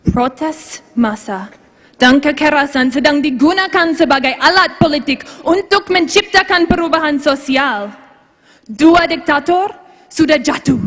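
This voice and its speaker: Young woman, native English speaker, foreigner speaking Indonesian with Australian accent. High pitch, slow formal oratory, reverberant hall. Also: fairly bright tone. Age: young adult. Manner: deliberate, emphatic phrasing with rhetorical pauses. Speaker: contestant in a public speaking competition. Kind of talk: formal prepared speech. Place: large hall, speaking to an audience.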